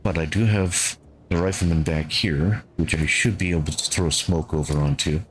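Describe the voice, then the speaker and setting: A man giving calm gameplay commentary, thinking aloud and talking to his squad as he plays. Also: sits low, normal speed, a little hiss or hum. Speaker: gameplay streamer.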